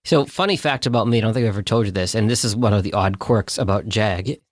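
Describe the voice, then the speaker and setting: A man's voice: lowish voice, quick pace, dry recording, clean studio sound. A man in his forties hosting a podcast, chatting casually and telling personal anecdotes. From Michigan. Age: 40s. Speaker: podcast host. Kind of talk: conversational podcast chat.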